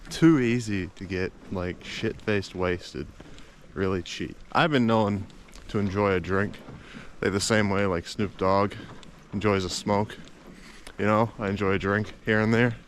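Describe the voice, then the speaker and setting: A man with a fairly low voice talks like a hungover travel vlogger. He is weary and a bit grumbly, rambling casually. He is recorded outdoors, with light ambient noise and vehicles behind him. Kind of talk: casual rambling vlog chat. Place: outdoors, walking around while travelling.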